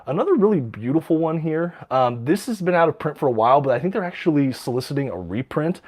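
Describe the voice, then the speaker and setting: Fast and sing-song, this man's voice is fairly high in pitch yet darkish in tone. He's hosting a casual livestream about his comic collection, enthusiastic and talkative, reading viewer questions with many ums and uhs. He comes across slightly stuffy and short of breath.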